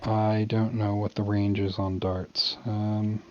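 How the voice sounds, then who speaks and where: Un hombre que juega una partida de rol en línea, charla casual en voz baja, con un micrófono apagado y de baja frecuencia de muestreo. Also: male voice, on the low side, flat delivery, slow, highs cut off, faint music behind. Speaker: player in an online tabletop game. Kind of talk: casual game chat.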